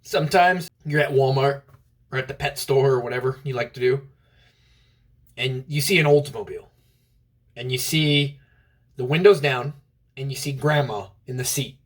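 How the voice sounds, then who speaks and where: A young man telling offbeat, absurd stories in a rambling deadpan comedy monologue. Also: medium pitch, moderate pace, pauses often.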